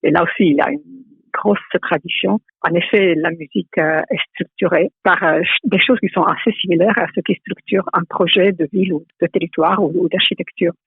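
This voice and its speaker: A woman's voice: lowish voice, steady tone, creaky, husky, no room sound. Italian-accented woman on a tinny line. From Italy. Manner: hesitant, many pauses and repeated words. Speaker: architecture professor, guest. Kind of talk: thoughtful interview answers. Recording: tinny phone-like line, dry.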